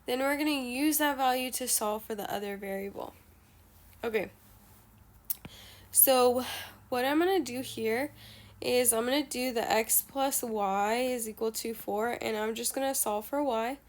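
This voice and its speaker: Stuffed up and nasal because of allergies, a young female math teacher explains a lesson patiently, one step at a time. She speaks at a measured pace in a slightly high voice.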